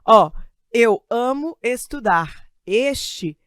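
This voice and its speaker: A Brazilian woman leads an online Portuguese lesson for exam students, chatty and quick to joke about herself. Her voice sits a little high, and the sound is close and dry with no room echo. She slows down and stretches the words she wants the class to remember. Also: smooth. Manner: lively, stretches key words slowly for emphasis; chatty asides and self-joking humor. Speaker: Portuguese teacher for exam prep. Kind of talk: live online grammar lesson. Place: studio with a desk of computers.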